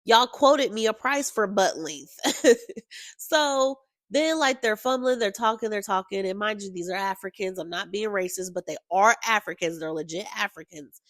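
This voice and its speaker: A woman hosting her own podcast, telling a story in a casual, exasperated, animated way and talking straight to her listeners. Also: medium pitch, moderate pace, no room sound, clean studio sound. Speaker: podcast host.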